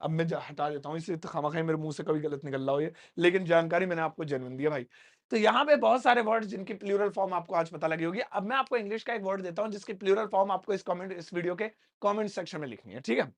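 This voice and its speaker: A man's voice: high voice, fast. A man teaching an English grammar lesson in a classroom, explaining in a playful way with joking asides to his students. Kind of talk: spoken English lesson in Hindi.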